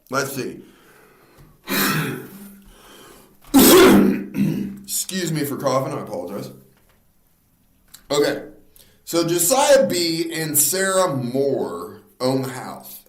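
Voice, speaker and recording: Male podcast host, unhurried and animated, reads story notes aloud with a laugh, roomy echo. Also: mid-range voice. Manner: laughs often, slips on words and restarts. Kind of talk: casual chat, reading a true crime story. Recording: echoey room.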